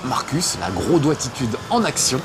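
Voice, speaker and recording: Over a noisy background, a man speaks at normal speed in a mid-range voice with big pitch swings. He's hosting a video game show, joking around, mocking himself and filling his playful chat with fillers as he plays.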